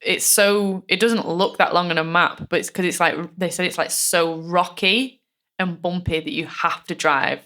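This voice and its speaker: A woman talks through a case on a casual true-crime podcast. She has a bright, forceful, fairly low voice. She speaks in loose runs full of "like" and acts out what people said. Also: fairly even intonation, normal speed. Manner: chatty, many fillers, acts out quotes. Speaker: podcast co-host telling the case.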